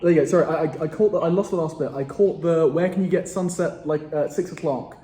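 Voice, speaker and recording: A man's voice: a little high, fast talker, mellow. A man with an English accent making cold sales calls, direct and chatty with self-deprecating asides. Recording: roomy echo.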